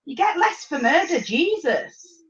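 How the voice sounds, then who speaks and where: A middle-aged woman with an English accent chatting casually and telling anecdotes in a blunt, animated way on a livestream. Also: high voice, unhurried. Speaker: livestream host. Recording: dull lo-fi livestream audio.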